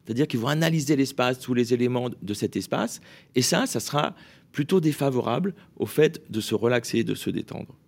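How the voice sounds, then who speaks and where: A man's voice: medium pitch, expressive, a little fast, creaky. A man explaining research findings in a radio interview, hesitant, with many fillers and restarts. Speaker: researcher guest.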